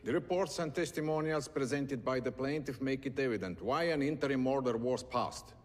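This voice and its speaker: An actor playing a judge who hands down a ruling with authority. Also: male voice, mid-range voice, normal speed, in a large hall, soft background music, lightly acted. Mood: stern. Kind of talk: film drama.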